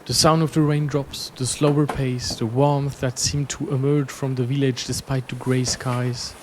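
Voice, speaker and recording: With a mid-range voice, little pitch movement, and normal speed, a man from French-speaking Switzerland delivers scripted travel narration as an artist describing his journey. He's a native French speaker with a Swiss French accent, reflective and storytelling in tone, and the background is noisy.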